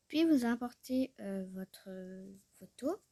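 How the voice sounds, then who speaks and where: A woman with a slightly high, mellow and breathy voice talks her way through a casual tutorial. She rambles, comments to herself and keeps slipping into a half-murmur. The sound is close and dry. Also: no echo. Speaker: YouTuber showing a tutorial. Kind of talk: casual screen-recorded tutorial chat.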